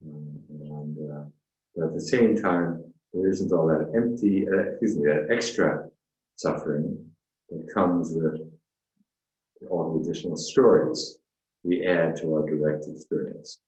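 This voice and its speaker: A man, a spiritual teacher, giving an unhurried, reflective dharma talk with frequent fillers and asides. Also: extremely low pitch, fairly even intonation, darkish tone, echoey room, dull audio.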